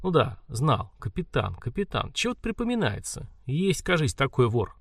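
A sneering steel-toothed thief, as a male reader puts him on, mocking in prison slang with a lively, rising pitch. The recording is dry and close. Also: normal speed, creaky, breathy edge, no room sound, recorded from a distance, heavily acted.

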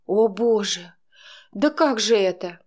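A woman doing a gentle, soothing female friend. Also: medium pitch, animated, takes it slowly. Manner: soft, soothing, half-whispered.

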